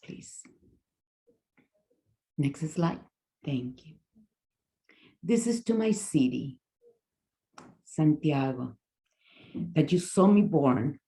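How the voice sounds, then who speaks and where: A woman's voice: deep voice, animated, drawn-out words, long pauses, mellow. A woman in her sixties from Chile with a Chilean Spanish accent, giving a guest talk over a video call, hesitant, with fillers and restarts. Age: 60s. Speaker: guest speaker. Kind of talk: presentation talk.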